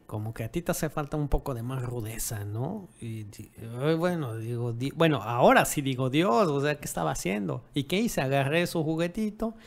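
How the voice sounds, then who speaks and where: In a casual monologue, a man with a creaky, mid-range voice gives advice on owning dogs. He often closes his remarks with rhetorical tag questions and acts out what people said.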